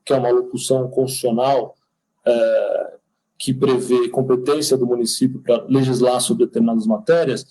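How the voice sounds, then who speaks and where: A man's voice: medium pitch, a little mellow, low-quality recording. A man with a Brazilian Portuguese accent giving a conversational lecture, hesitant with many fillers and restarts. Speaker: lecturer, city attorney. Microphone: online stream.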